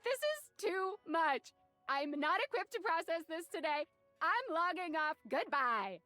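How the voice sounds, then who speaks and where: Incredulous, casual gal pal for a game: expressive pitch swings, close dry sound. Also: female voice, normal speed, no room sound, soft background music. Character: casual, sardonic, incredulous best friend. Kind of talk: video game character acting.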